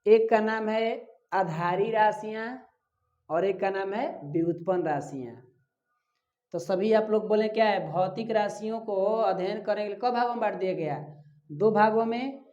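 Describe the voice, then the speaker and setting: A male physics teacher with a high, slightly mellow voice lectures at a moderate pace in classroom style. He poses questions, answers them himself, and repeats key terms, all captured in an echoey room with dull lo-fi sound.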